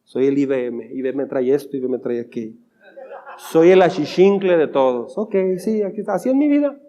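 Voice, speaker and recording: A man's voice: sits high, sing-song, fairly quick, dark tone, voice pushed down. A man muttering as a weary office drudge. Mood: resigned. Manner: resigned, muttering under his breath. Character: weary put-upon male office worker. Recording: long church reverb.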